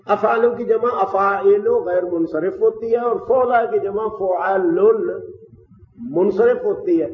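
Distant man lecturing in an echoing hall. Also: high voice. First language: Urdu. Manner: explanatory, methodical, pauses often. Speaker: teacher of Quranic Arabic grammar. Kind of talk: classroom lecture. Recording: distant, dull, roomy hall with faint hiss.

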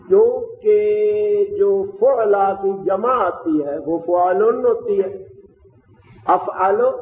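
A man with a fairly high voice delivers a slow, methodical lesson and keeps pausing to lay out each point. He sounds far from the mic, in a roomy hall with a long echo. The recording is dull and muffled, with a faint hiss behind it. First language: Urdu. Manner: explanatory, methodical, pauses often. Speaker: teacher of Quranic Arabic grammar. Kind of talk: classroom lecture.

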